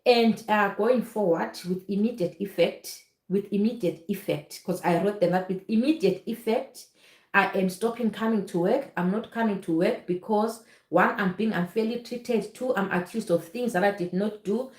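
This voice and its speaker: A woman's voice: medium pitch, moderate pace, a little mellow. A woman speaking earnestly to her viewers as a nurse vlogger, often checking in with "you understand?". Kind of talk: personal testimony to viewers. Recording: echoey room.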